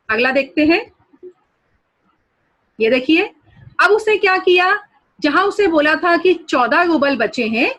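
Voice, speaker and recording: A woman's voice: high-pitched, a bit bright. A woman teacher explaining a story lesson to students, guiding them through pictures and new words.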